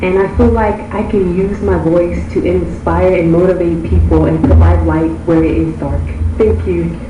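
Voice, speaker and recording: A young woman from Tonga, answering formal pageant questions in an earnest, measured way. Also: on the low side, fairly even intonation, noisy background. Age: young adult. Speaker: pageant contestant. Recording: echoey room from far off, music behind.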